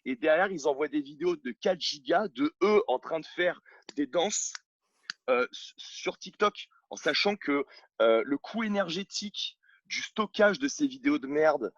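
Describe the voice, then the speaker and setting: A man's voice: fairly high pitch, animated, a little slow, fairly bright tone, dry recording. Blunt male coach from France, emphatic and outspoken, dry and slightly dull home recording. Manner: blunt, emphatic, many restarts and fillers. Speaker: CrossFit coach and gym owner. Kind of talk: outspoken interview talk. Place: at home on his sofa. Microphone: own camera.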